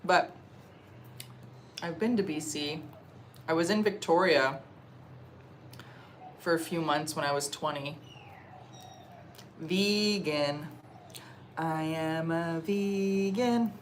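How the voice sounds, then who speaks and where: A young woman from Canada chatting casually on a livestream while eating, answering comments in a relaxed, chatty way with little murmurs of enjoyment. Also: sits low, takes it slowly, long pauses, slight background noise, low-quality recording. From Canada (Ontario). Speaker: livestream vlogger. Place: outdoors or open space in a warm country.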